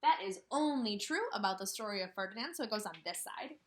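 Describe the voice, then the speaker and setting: A kindergarten teacher in her thirties leads a read-aloud lesson in a small indoor room with a brick wall. Her medium-pitched voice is animated and slow, stressing words and pausing after each question as if waiting for the children to answer.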